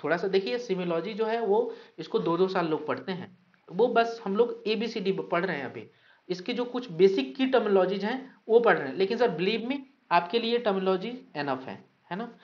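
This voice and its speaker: A man's voice: high-pitched, animated, normal speed. Man, online tutor, mixes Hindi and English, slightly dull lo-fi audio. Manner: addresses students as sir, reads names from the live chat; mixes Hindi and English, asks questions of the class. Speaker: teacher. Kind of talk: online exam-prep lecture.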